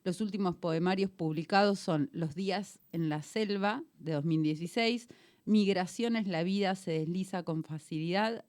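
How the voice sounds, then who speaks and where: A woman's voice: on the low side, darkish tone. A woman hosting a radio show, chatting casually and introducing a guest. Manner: chatty, laughs easily. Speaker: radio host. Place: radio studio.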